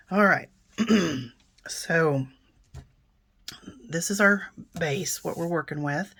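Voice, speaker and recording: A middle-aged woman hosting a casual card-making tutorial calmly narrates the project step by step. Hoarse and raspy after a coughing fit, her voice is deep, and she often clears her throat.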